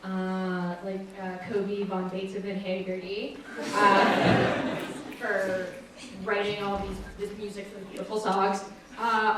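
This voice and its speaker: A woman's voice: mid-range voice, sharp tone, slight background noise. A young woman, the show's writer and director, giving a nervous, rambling curtain speech before a student play. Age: young adult. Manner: rambling, chatty and self-conscious. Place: theater stage. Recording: echoey hall from far off with audience.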